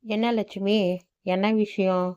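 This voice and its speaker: A woman's voice: mid-range voice, level tone, slow, darkish tone, clear, resonant tone, highs cut off, lightly acted. A woman voicing a stern, impatient employer woman who talks curtly and dismissively. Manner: curt and dismissive.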